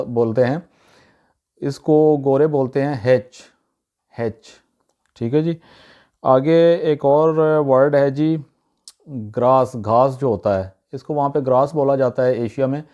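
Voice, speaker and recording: A man teaches English pronunciation in a casual, unhurried way, repeating each word and pausing often on "uh." His mid-range voice sounds dark and relaxed. The recording is dull and muffled. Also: mid-range voice. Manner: explains word by word, repeats each pronunciation twice, frequent "uh" pauses. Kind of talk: casual spoken lesson to camera.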